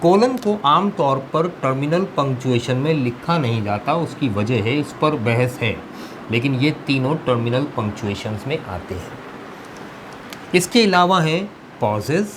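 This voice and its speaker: Slow, deliberate male teacher in a noisy room. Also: medium pitch, lively intonation. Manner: slow, deliberate teaching with mixed Hindi-Urdu and English. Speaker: English teacher. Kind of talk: explanatory lesson.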